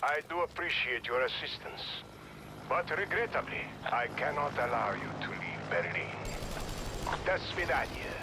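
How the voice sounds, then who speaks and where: A calm, menacing villain. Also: male voice, medium pitch, creaky, background noise. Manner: cold, measured and threatening. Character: calm, menacing male villain taunting the heroes. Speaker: game antagonist.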